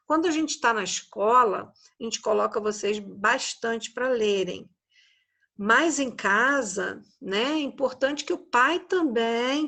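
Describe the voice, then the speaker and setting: A Brazilian woman teaching a recorded class to young children, explaining slowly and patiently and often tagging her sentences with a questioning "né?". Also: fairly high pitch, gravelly, a bit bright. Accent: Brazilian Portuguese. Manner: slow, patient, explanatory, frequent "né?" tags. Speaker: schoolteacher.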